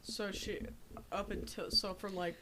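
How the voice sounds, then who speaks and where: A woman's voice: medium pitch, fairly even intonation, unhurried, background noise. A woman co-hosting a podcast, tossing in dry, joking asides during casual banter. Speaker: podcast co-host.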